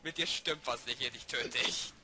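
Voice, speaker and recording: A man's voice: medium pitch, unhurried, heavy background noise. A man bantering while playing a video game. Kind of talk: gaming banter. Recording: loud music over voice.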